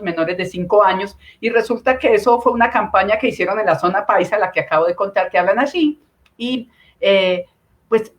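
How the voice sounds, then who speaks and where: A Colombian woman speaks at a middle pitch over a video call, explaining her points patiently and drawing on examples. She sounds like a consultant teaching a panel audience. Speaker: nonverbal communication consultant.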